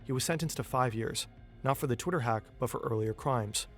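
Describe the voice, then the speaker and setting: A man delivers scripted documentary narration in a medium-pitched voice. He works as the narrator, with a music bed running behind him. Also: a little fast, fairly bright tone.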